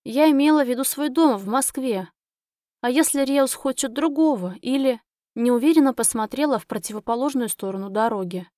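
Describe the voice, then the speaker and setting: Expressive woman reading an audiobook. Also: high voice, a little fast, no echo, clean studio sound. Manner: emotional, expressive. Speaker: narrator. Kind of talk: first-person audiobook narration.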